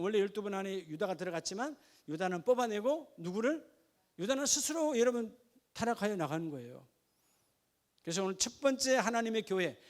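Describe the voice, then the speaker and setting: A man preaching a sermon in a strikingly high voice, pitched well above most men. As a middle-aged pastor, he keeps putting questions to his congregation and lightens the message with jokey asides.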